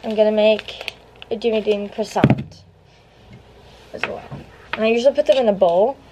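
Heavy background noise surrounds a young adult woman with a stuffy nose as she chats to camera indoors in her small apartment. The vlogger speaks at a medium pitch and normal speed, using lots of fillers in her casual talk.

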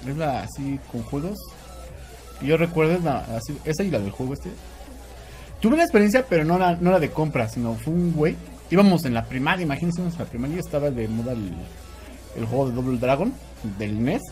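Animated Mexican man telling stories. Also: a little high, fairly quick, soft background music. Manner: animated, laughs often, swears freely. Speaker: podcast host. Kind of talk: casual storytelling chat.

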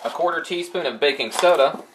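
A middle-aged man hosting a cooking show, calmly giving step-by-step recipe instructions in a home kitchen. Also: a little high, brisk, very noisy.

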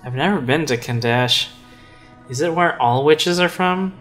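A man reading game dialogue aloud for a grumpy, sarcastic young witch woman, in a dry, flat manner, with faint game music behind. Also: fairly high pitch, unhurried.

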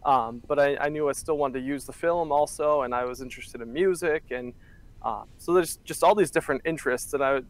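A church media worker in his twenties answers interview questions over a video call webcam from a small office. His mid-range voice moves briskly, and he's relaxed and chatty, using plenty of fillers.

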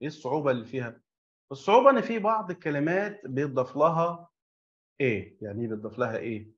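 A man's voice: medium pitch, expressive, very fast, dull audio. A man with an Egyptian Arabic accent teaching an online English class to children. He explains in a chatty way, asks and answers his own questions, and has the class repeat words after him.

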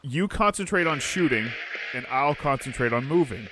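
A young man in casual gaming banter, excitable and teasing, coaching a teammate through the game. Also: medium pitch, normal speed, music in the background. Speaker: gaming video regular.

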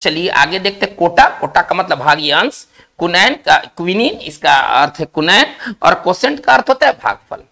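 A man teaches English spelling and word meanings in a recorded lesson, explaining slowly and step by step in Hindi and often checking with "isn't it?" that students follow. His high-pitched voice is expressive and gravelly, with a bright, forceful tone.

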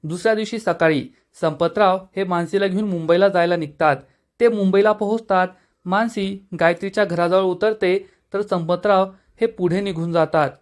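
A man with a Marathi accent narrating a scripted recap of a TV serial episode, reading the characters' lines in his own steady storytelling voice. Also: sits high, normal speed. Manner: steady storytelling, reading quoted dialogue in the same voice.

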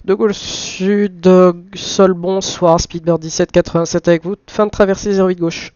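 Man, high-pitched, flight sim pilot commentary, muttered asides, radio calls, dry slightly muffled mic. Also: flat delivery, moderate pace, a little mellow, clean tone, dry recording. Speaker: flight simulator streamer playing airline pilot. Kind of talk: live commentary mixed with aviation radio calls.

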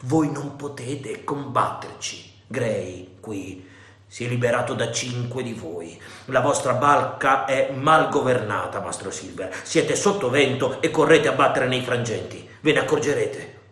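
A stern, upright naval captain, as read by a man, firm and measured in every word. The tone is bright. A roomy echo hangs on it. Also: mid-range voice, lively intonation.

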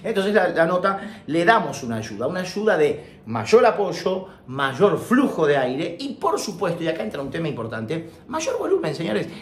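A man's voice: fairly high pitch, big pitch swings, normal speed, reverberant. A man teaching a casual singing technique lesson, chatty and full of joking, self-mocking asides, recorded on a phone. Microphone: phone microphone.

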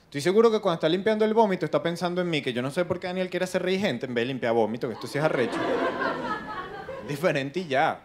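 Young man, Venezuelan accent, stand-up comic, animated delivery, fairly high voice, faint hiss. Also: fast, crowd noise. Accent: Venezuelan Spanish. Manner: animated, acts out other people's voices. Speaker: stand-up comedian. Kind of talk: stand-up comedy routine. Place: live comedy stage with audience.

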